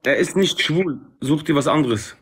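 A man's voice: a little high, lively intonation, normal speed, a bit bright, breathy edge. A man in a video chat who confronts the streamer with insistent, accusing questions. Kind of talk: heated casual chat.

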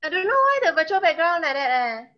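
Woman, Singaporean accent, very high voice, casual Singlish, lo-fi call audio. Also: very animated, fast talker. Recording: dull, lo-fi video call audio.

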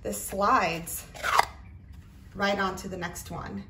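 A woman who reviews craft products gives a relaxed, chatty demonstration at a tabletop indoors, her medium-pitched voice steady and unhurried. Small items click and rattle as she handles them. The mic sits at a distance in a roomy space, with faint background noise.

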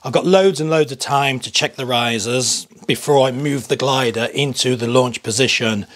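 A middle-aged man giving a relaxed paragliding lesson step by step on an open hillside, wearing a clip-on mic. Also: medium pitch, normal speed, no echo. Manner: relaxed, chatty, explains step by step. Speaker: paragliding instructor. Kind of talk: outdoor tutorial. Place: open grassy hillside outdoors.

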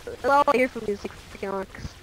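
A woman giving casual, excitable, chatty commentary while playing a video game with friends. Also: a little high, fast, heavy background noise. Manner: excitable, chatty, prone to shouting out. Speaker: gaming commentator.

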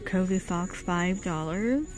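A woman's voice: on the low side, lively intonation, slow pace, music in the background. A middle-aged woman narrating a casual shop-with-me vlog in a department store, reading out product names and prices as she browses. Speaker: shopping vlogger. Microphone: handheld phone camera.

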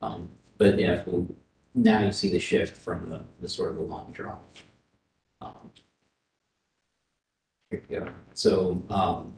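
A man presenting an architectural design at a public meeting, halting, with many fillers. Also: low voice, steady tone, creaky, darkish tone. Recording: echoey room with faint noise.

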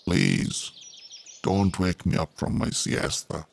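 A man voicing a huge mischievous monkey god who speaks slowly and drowsily, teasing a proud prince in a storybook tale. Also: sits low, big pitch swings, creaky, slight background noise, pitched below the performer's own voice, exaggerated voice. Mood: sleepy teasing. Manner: slow, drowsy, mock-weary. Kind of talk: storybook narration.

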